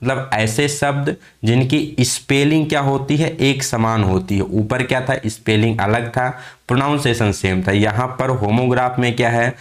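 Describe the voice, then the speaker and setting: A man teaching an exam-prep lesson. He spells words out letter by letter, asks and answers his own questions, and reads English phrases slowly. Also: mid-range voice.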